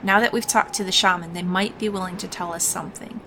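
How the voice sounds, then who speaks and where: A woman's voice: on the low side, steady tone, quick pace, noisy background. A woman hosting a casual let's play, musing aloud informally as she comments on the game. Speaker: gaming host.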